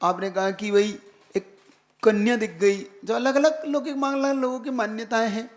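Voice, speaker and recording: A man's voice: extremely high pitch, steady tone, moderate pace. A man, a Jain monk, giving a sermon, emphatic, repeating key phrases and often asking if listeners follow. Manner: keeps checking the listeners follow with direct questions.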